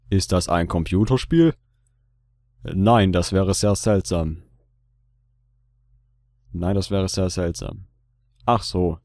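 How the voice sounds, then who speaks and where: A man's voice: fairly low pitch, darkish tone, dry recording, studio quality. A man hosting a gaming video in casual commentary, joking and repeating his own lines aloud. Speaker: let's play host.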